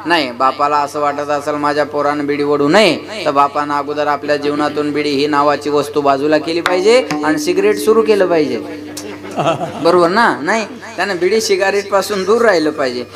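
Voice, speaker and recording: A kirtan preacher with a fairly high, steady voice delivers a devotional sermon to a live gathering, speaking a little fast. His style is folksy and humorous storytelling, and he keeps posing rhetorical questions for the crowd to answer back.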